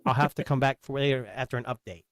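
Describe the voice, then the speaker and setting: A man co-hosting a casual podcast, telling jokey stories with deadpan teasing. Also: medium pitch, fast talker, no room sound, studio quality. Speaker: podcast co-host.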